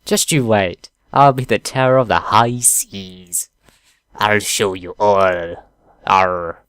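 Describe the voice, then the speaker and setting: A man voicing a cheerful teenage girl who plays at being a pirate, growling out mock orders in a slow, smooth, close-up voice. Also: on the low side, steady tone, a bit bright, dry recording. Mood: playful bluster.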